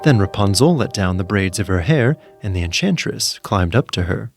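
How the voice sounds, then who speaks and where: A man's voice: fairly low pitch, animated, moderate pace, gravelly. A man narrating a scripted fairytale as a storyteller. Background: soft background music.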